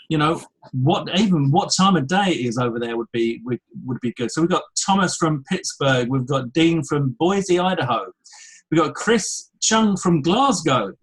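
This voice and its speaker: An English man hosts a live online webinar, greeting attendees one by one with chatty asides. His voice sits a touch high and has a slightly husky edge. He speaks casually into a headset mic. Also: fairly bright tone, rough recording. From England. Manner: chatty, reads out attendee names with quick asides. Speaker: webinar host. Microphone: headphones with mic.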